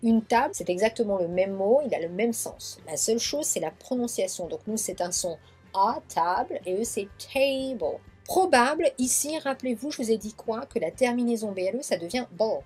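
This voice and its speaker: Husky French woman teaching pronunciation. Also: on the high side, lively intonation, a little mellow, faint music behind. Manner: slow, drawn-out repetition of model words. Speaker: English teacher. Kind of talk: pronunciation lesson.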